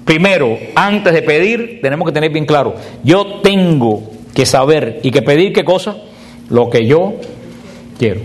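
A man's voice: fairly high pitch, expressive, unhurried. A man preaching to a group about prayer, often asking them a question and then answering it himself. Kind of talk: teaching talk on prayer.

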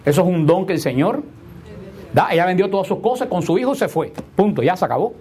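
A man's voice: high voice, expressive, dark tone, husky. Emphatic male preacher. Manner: emphatic, repeats rhetorical questions, shifts between slow stress and quick asides.

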